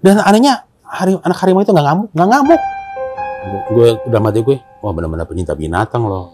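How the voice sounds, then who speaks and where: A man's voice: mid-range voice, fast talker, over music. A man telling a story in casual chat, acting out the dialogue in slang. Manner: animated, acts out dialogue in slang. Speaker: storyteller guest.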